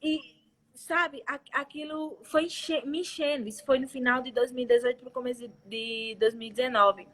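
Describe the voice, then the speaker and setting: A young Brazilian woman, a missionary, giving an emotional church testimony, halting and repeating herself as she speaks. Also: high-pitched, fairly even intonation, fairly bright tone. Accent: Brazilian Portuguese. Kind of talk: testimony talk at a church live event.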